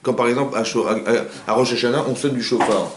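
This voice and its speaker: In a private home's living room, a man who is a rabbi gives an informal Torah lesson at a rapid, animated clip, peppering listeners with rhetorical questions. He has a mid-range voice, and the roomy home recording carries background noise.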